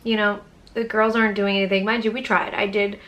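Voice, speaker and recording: A woman's voice: mid-range voice, flat delivery, brisk, a bit bright, highs cut off. Chatty, profane young woman vlogging. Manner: casual, profane and chatty, with frequent fillers. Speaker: YouTuber. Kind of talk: storytime vlog monologue. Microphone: camera mic, talking to camera.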